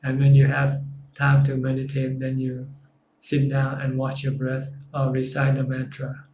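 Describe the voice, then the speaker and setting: Calm monk, flat steady delivery. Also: male voice, medium pitch, a little slow, a little hiss or hum. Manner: calm, simple, plain-spoken answers. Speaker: Buddhist monk teacher. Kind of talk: live question-and-answer teaching. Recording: echoey room.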